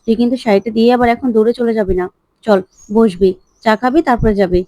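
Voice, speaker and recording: A woman's voice: on the high side, quick pace, dark tone, no room sound, lightly acted. A woman reading a chatty young wife.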